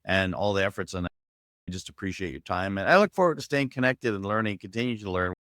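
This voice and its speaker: A man's voice: fairly low pitch, fast talker, a bit bright, dry recording, studio quality. A man hosting a podcast on a video call, asking questions in an encouraging way with frequent restarts. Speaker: podcast host. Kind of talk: casual interview chat.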